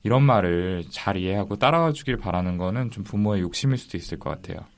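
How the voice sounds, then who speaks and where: A man's voice: lowish voice, lively intonation, fast talker. A man and father co-hosting a podcast, self-deprecating and laughing as he talks. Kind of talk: casual podcast chat.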